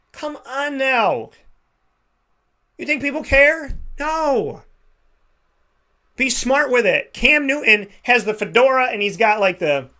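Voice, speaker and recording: Pushed and bright, the high voice of a man in his thirties carries a motivational monologue on his radio talk show, an emphatic pep talk that keeps repeating phrases.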